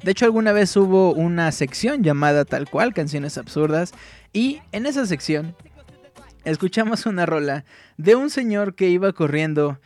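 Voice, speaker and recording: A man's voice: high voice, animated, moderate pace, darkish tone. A man hosting a music show in a casual, jokey way, using slang and laughing often. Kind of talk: casual radio show chat.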